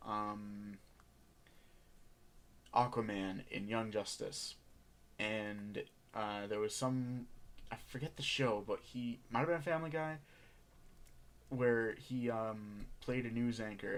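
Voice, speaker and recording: A young man co-hosting a casual podcast, rambling with many pauses and laughs as he tells stories. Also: fairly low pitch. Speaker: podcast co-host.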